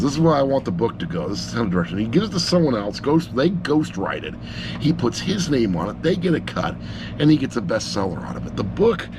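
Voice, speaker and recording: With background noise around him, a middle-aged man in a medium-pitched voice delivers a casual audiobook review on the fly. An action camera on a laptop records this amateur reviewer as he rambles, blunt and self-deprecating.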